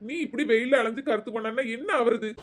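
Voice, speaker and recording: A woman's voice: fairly high pitch, steady tone, fast talker, lightly acted. A woman voicing a lovesick young businessman son in a cartoon, sweet-talking his sweetheart. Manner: sweet-talking, self-pitying.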